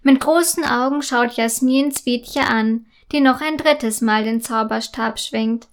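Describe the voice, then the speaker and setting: A woman narrating a children's story in a calm, clear and gently expressive way. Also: a little high, slow pace.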